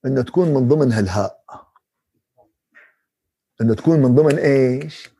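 A man with a Levantine Arabic accent, a sheikh giving an animated Quran commentary sermon, who keeps asking his listeners questions and recites verses slowly. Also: mid-range voice, breathy edge. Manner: animated, rhetorical questions to the audience.

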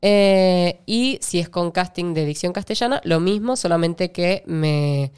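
An actress with an Argentine Spanish accent talks in a relaxed interview chat. Her voice sits a little low and sounds smooth and clear. She explains things at length, full of fillers and easy laughs. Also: measured pace. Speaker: actress guest.

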